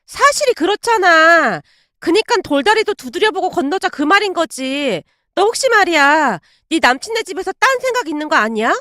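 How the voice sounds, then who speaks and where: A woman voicing a spiteful young woman friend who mocks bluntly, in a lively high voice. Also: normal speed, no room sound, clean studio sound, exaggerated voice. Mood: sneering. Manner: sneering, blunt.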